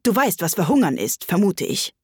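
A woman puts on a bossy male griffin for a storybook, pitched well above her usual voice and noticeably louder. He barks at the others with brusque, scolding impatience. The voice is breathy, with a dry close sound. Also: very animated, normal speed, dry recording.

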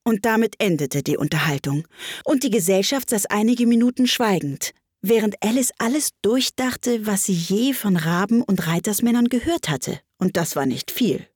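A woman narrating a storybook in an even, measured way. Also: medium pitch, breathy edge, dry recording, clean studio sound. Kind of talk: storybook reading.

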